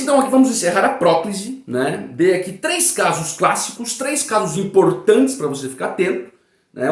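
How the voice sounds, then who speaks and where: A man teaching a grammar lesson in a didactic way. He often checks that his students follow, and he reads example sentences slowly and with emphasis. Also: a little high, reverberant. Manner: didactic, checks understanding with frequent "né?" and "tá bom?".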